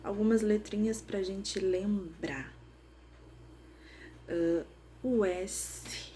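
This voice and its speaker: A woman's voice: fairly low pitch, mellow, slight background noise. A woman teaching children about letters and syllables, patiently sounding out each one. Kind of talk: explaining phonics to children.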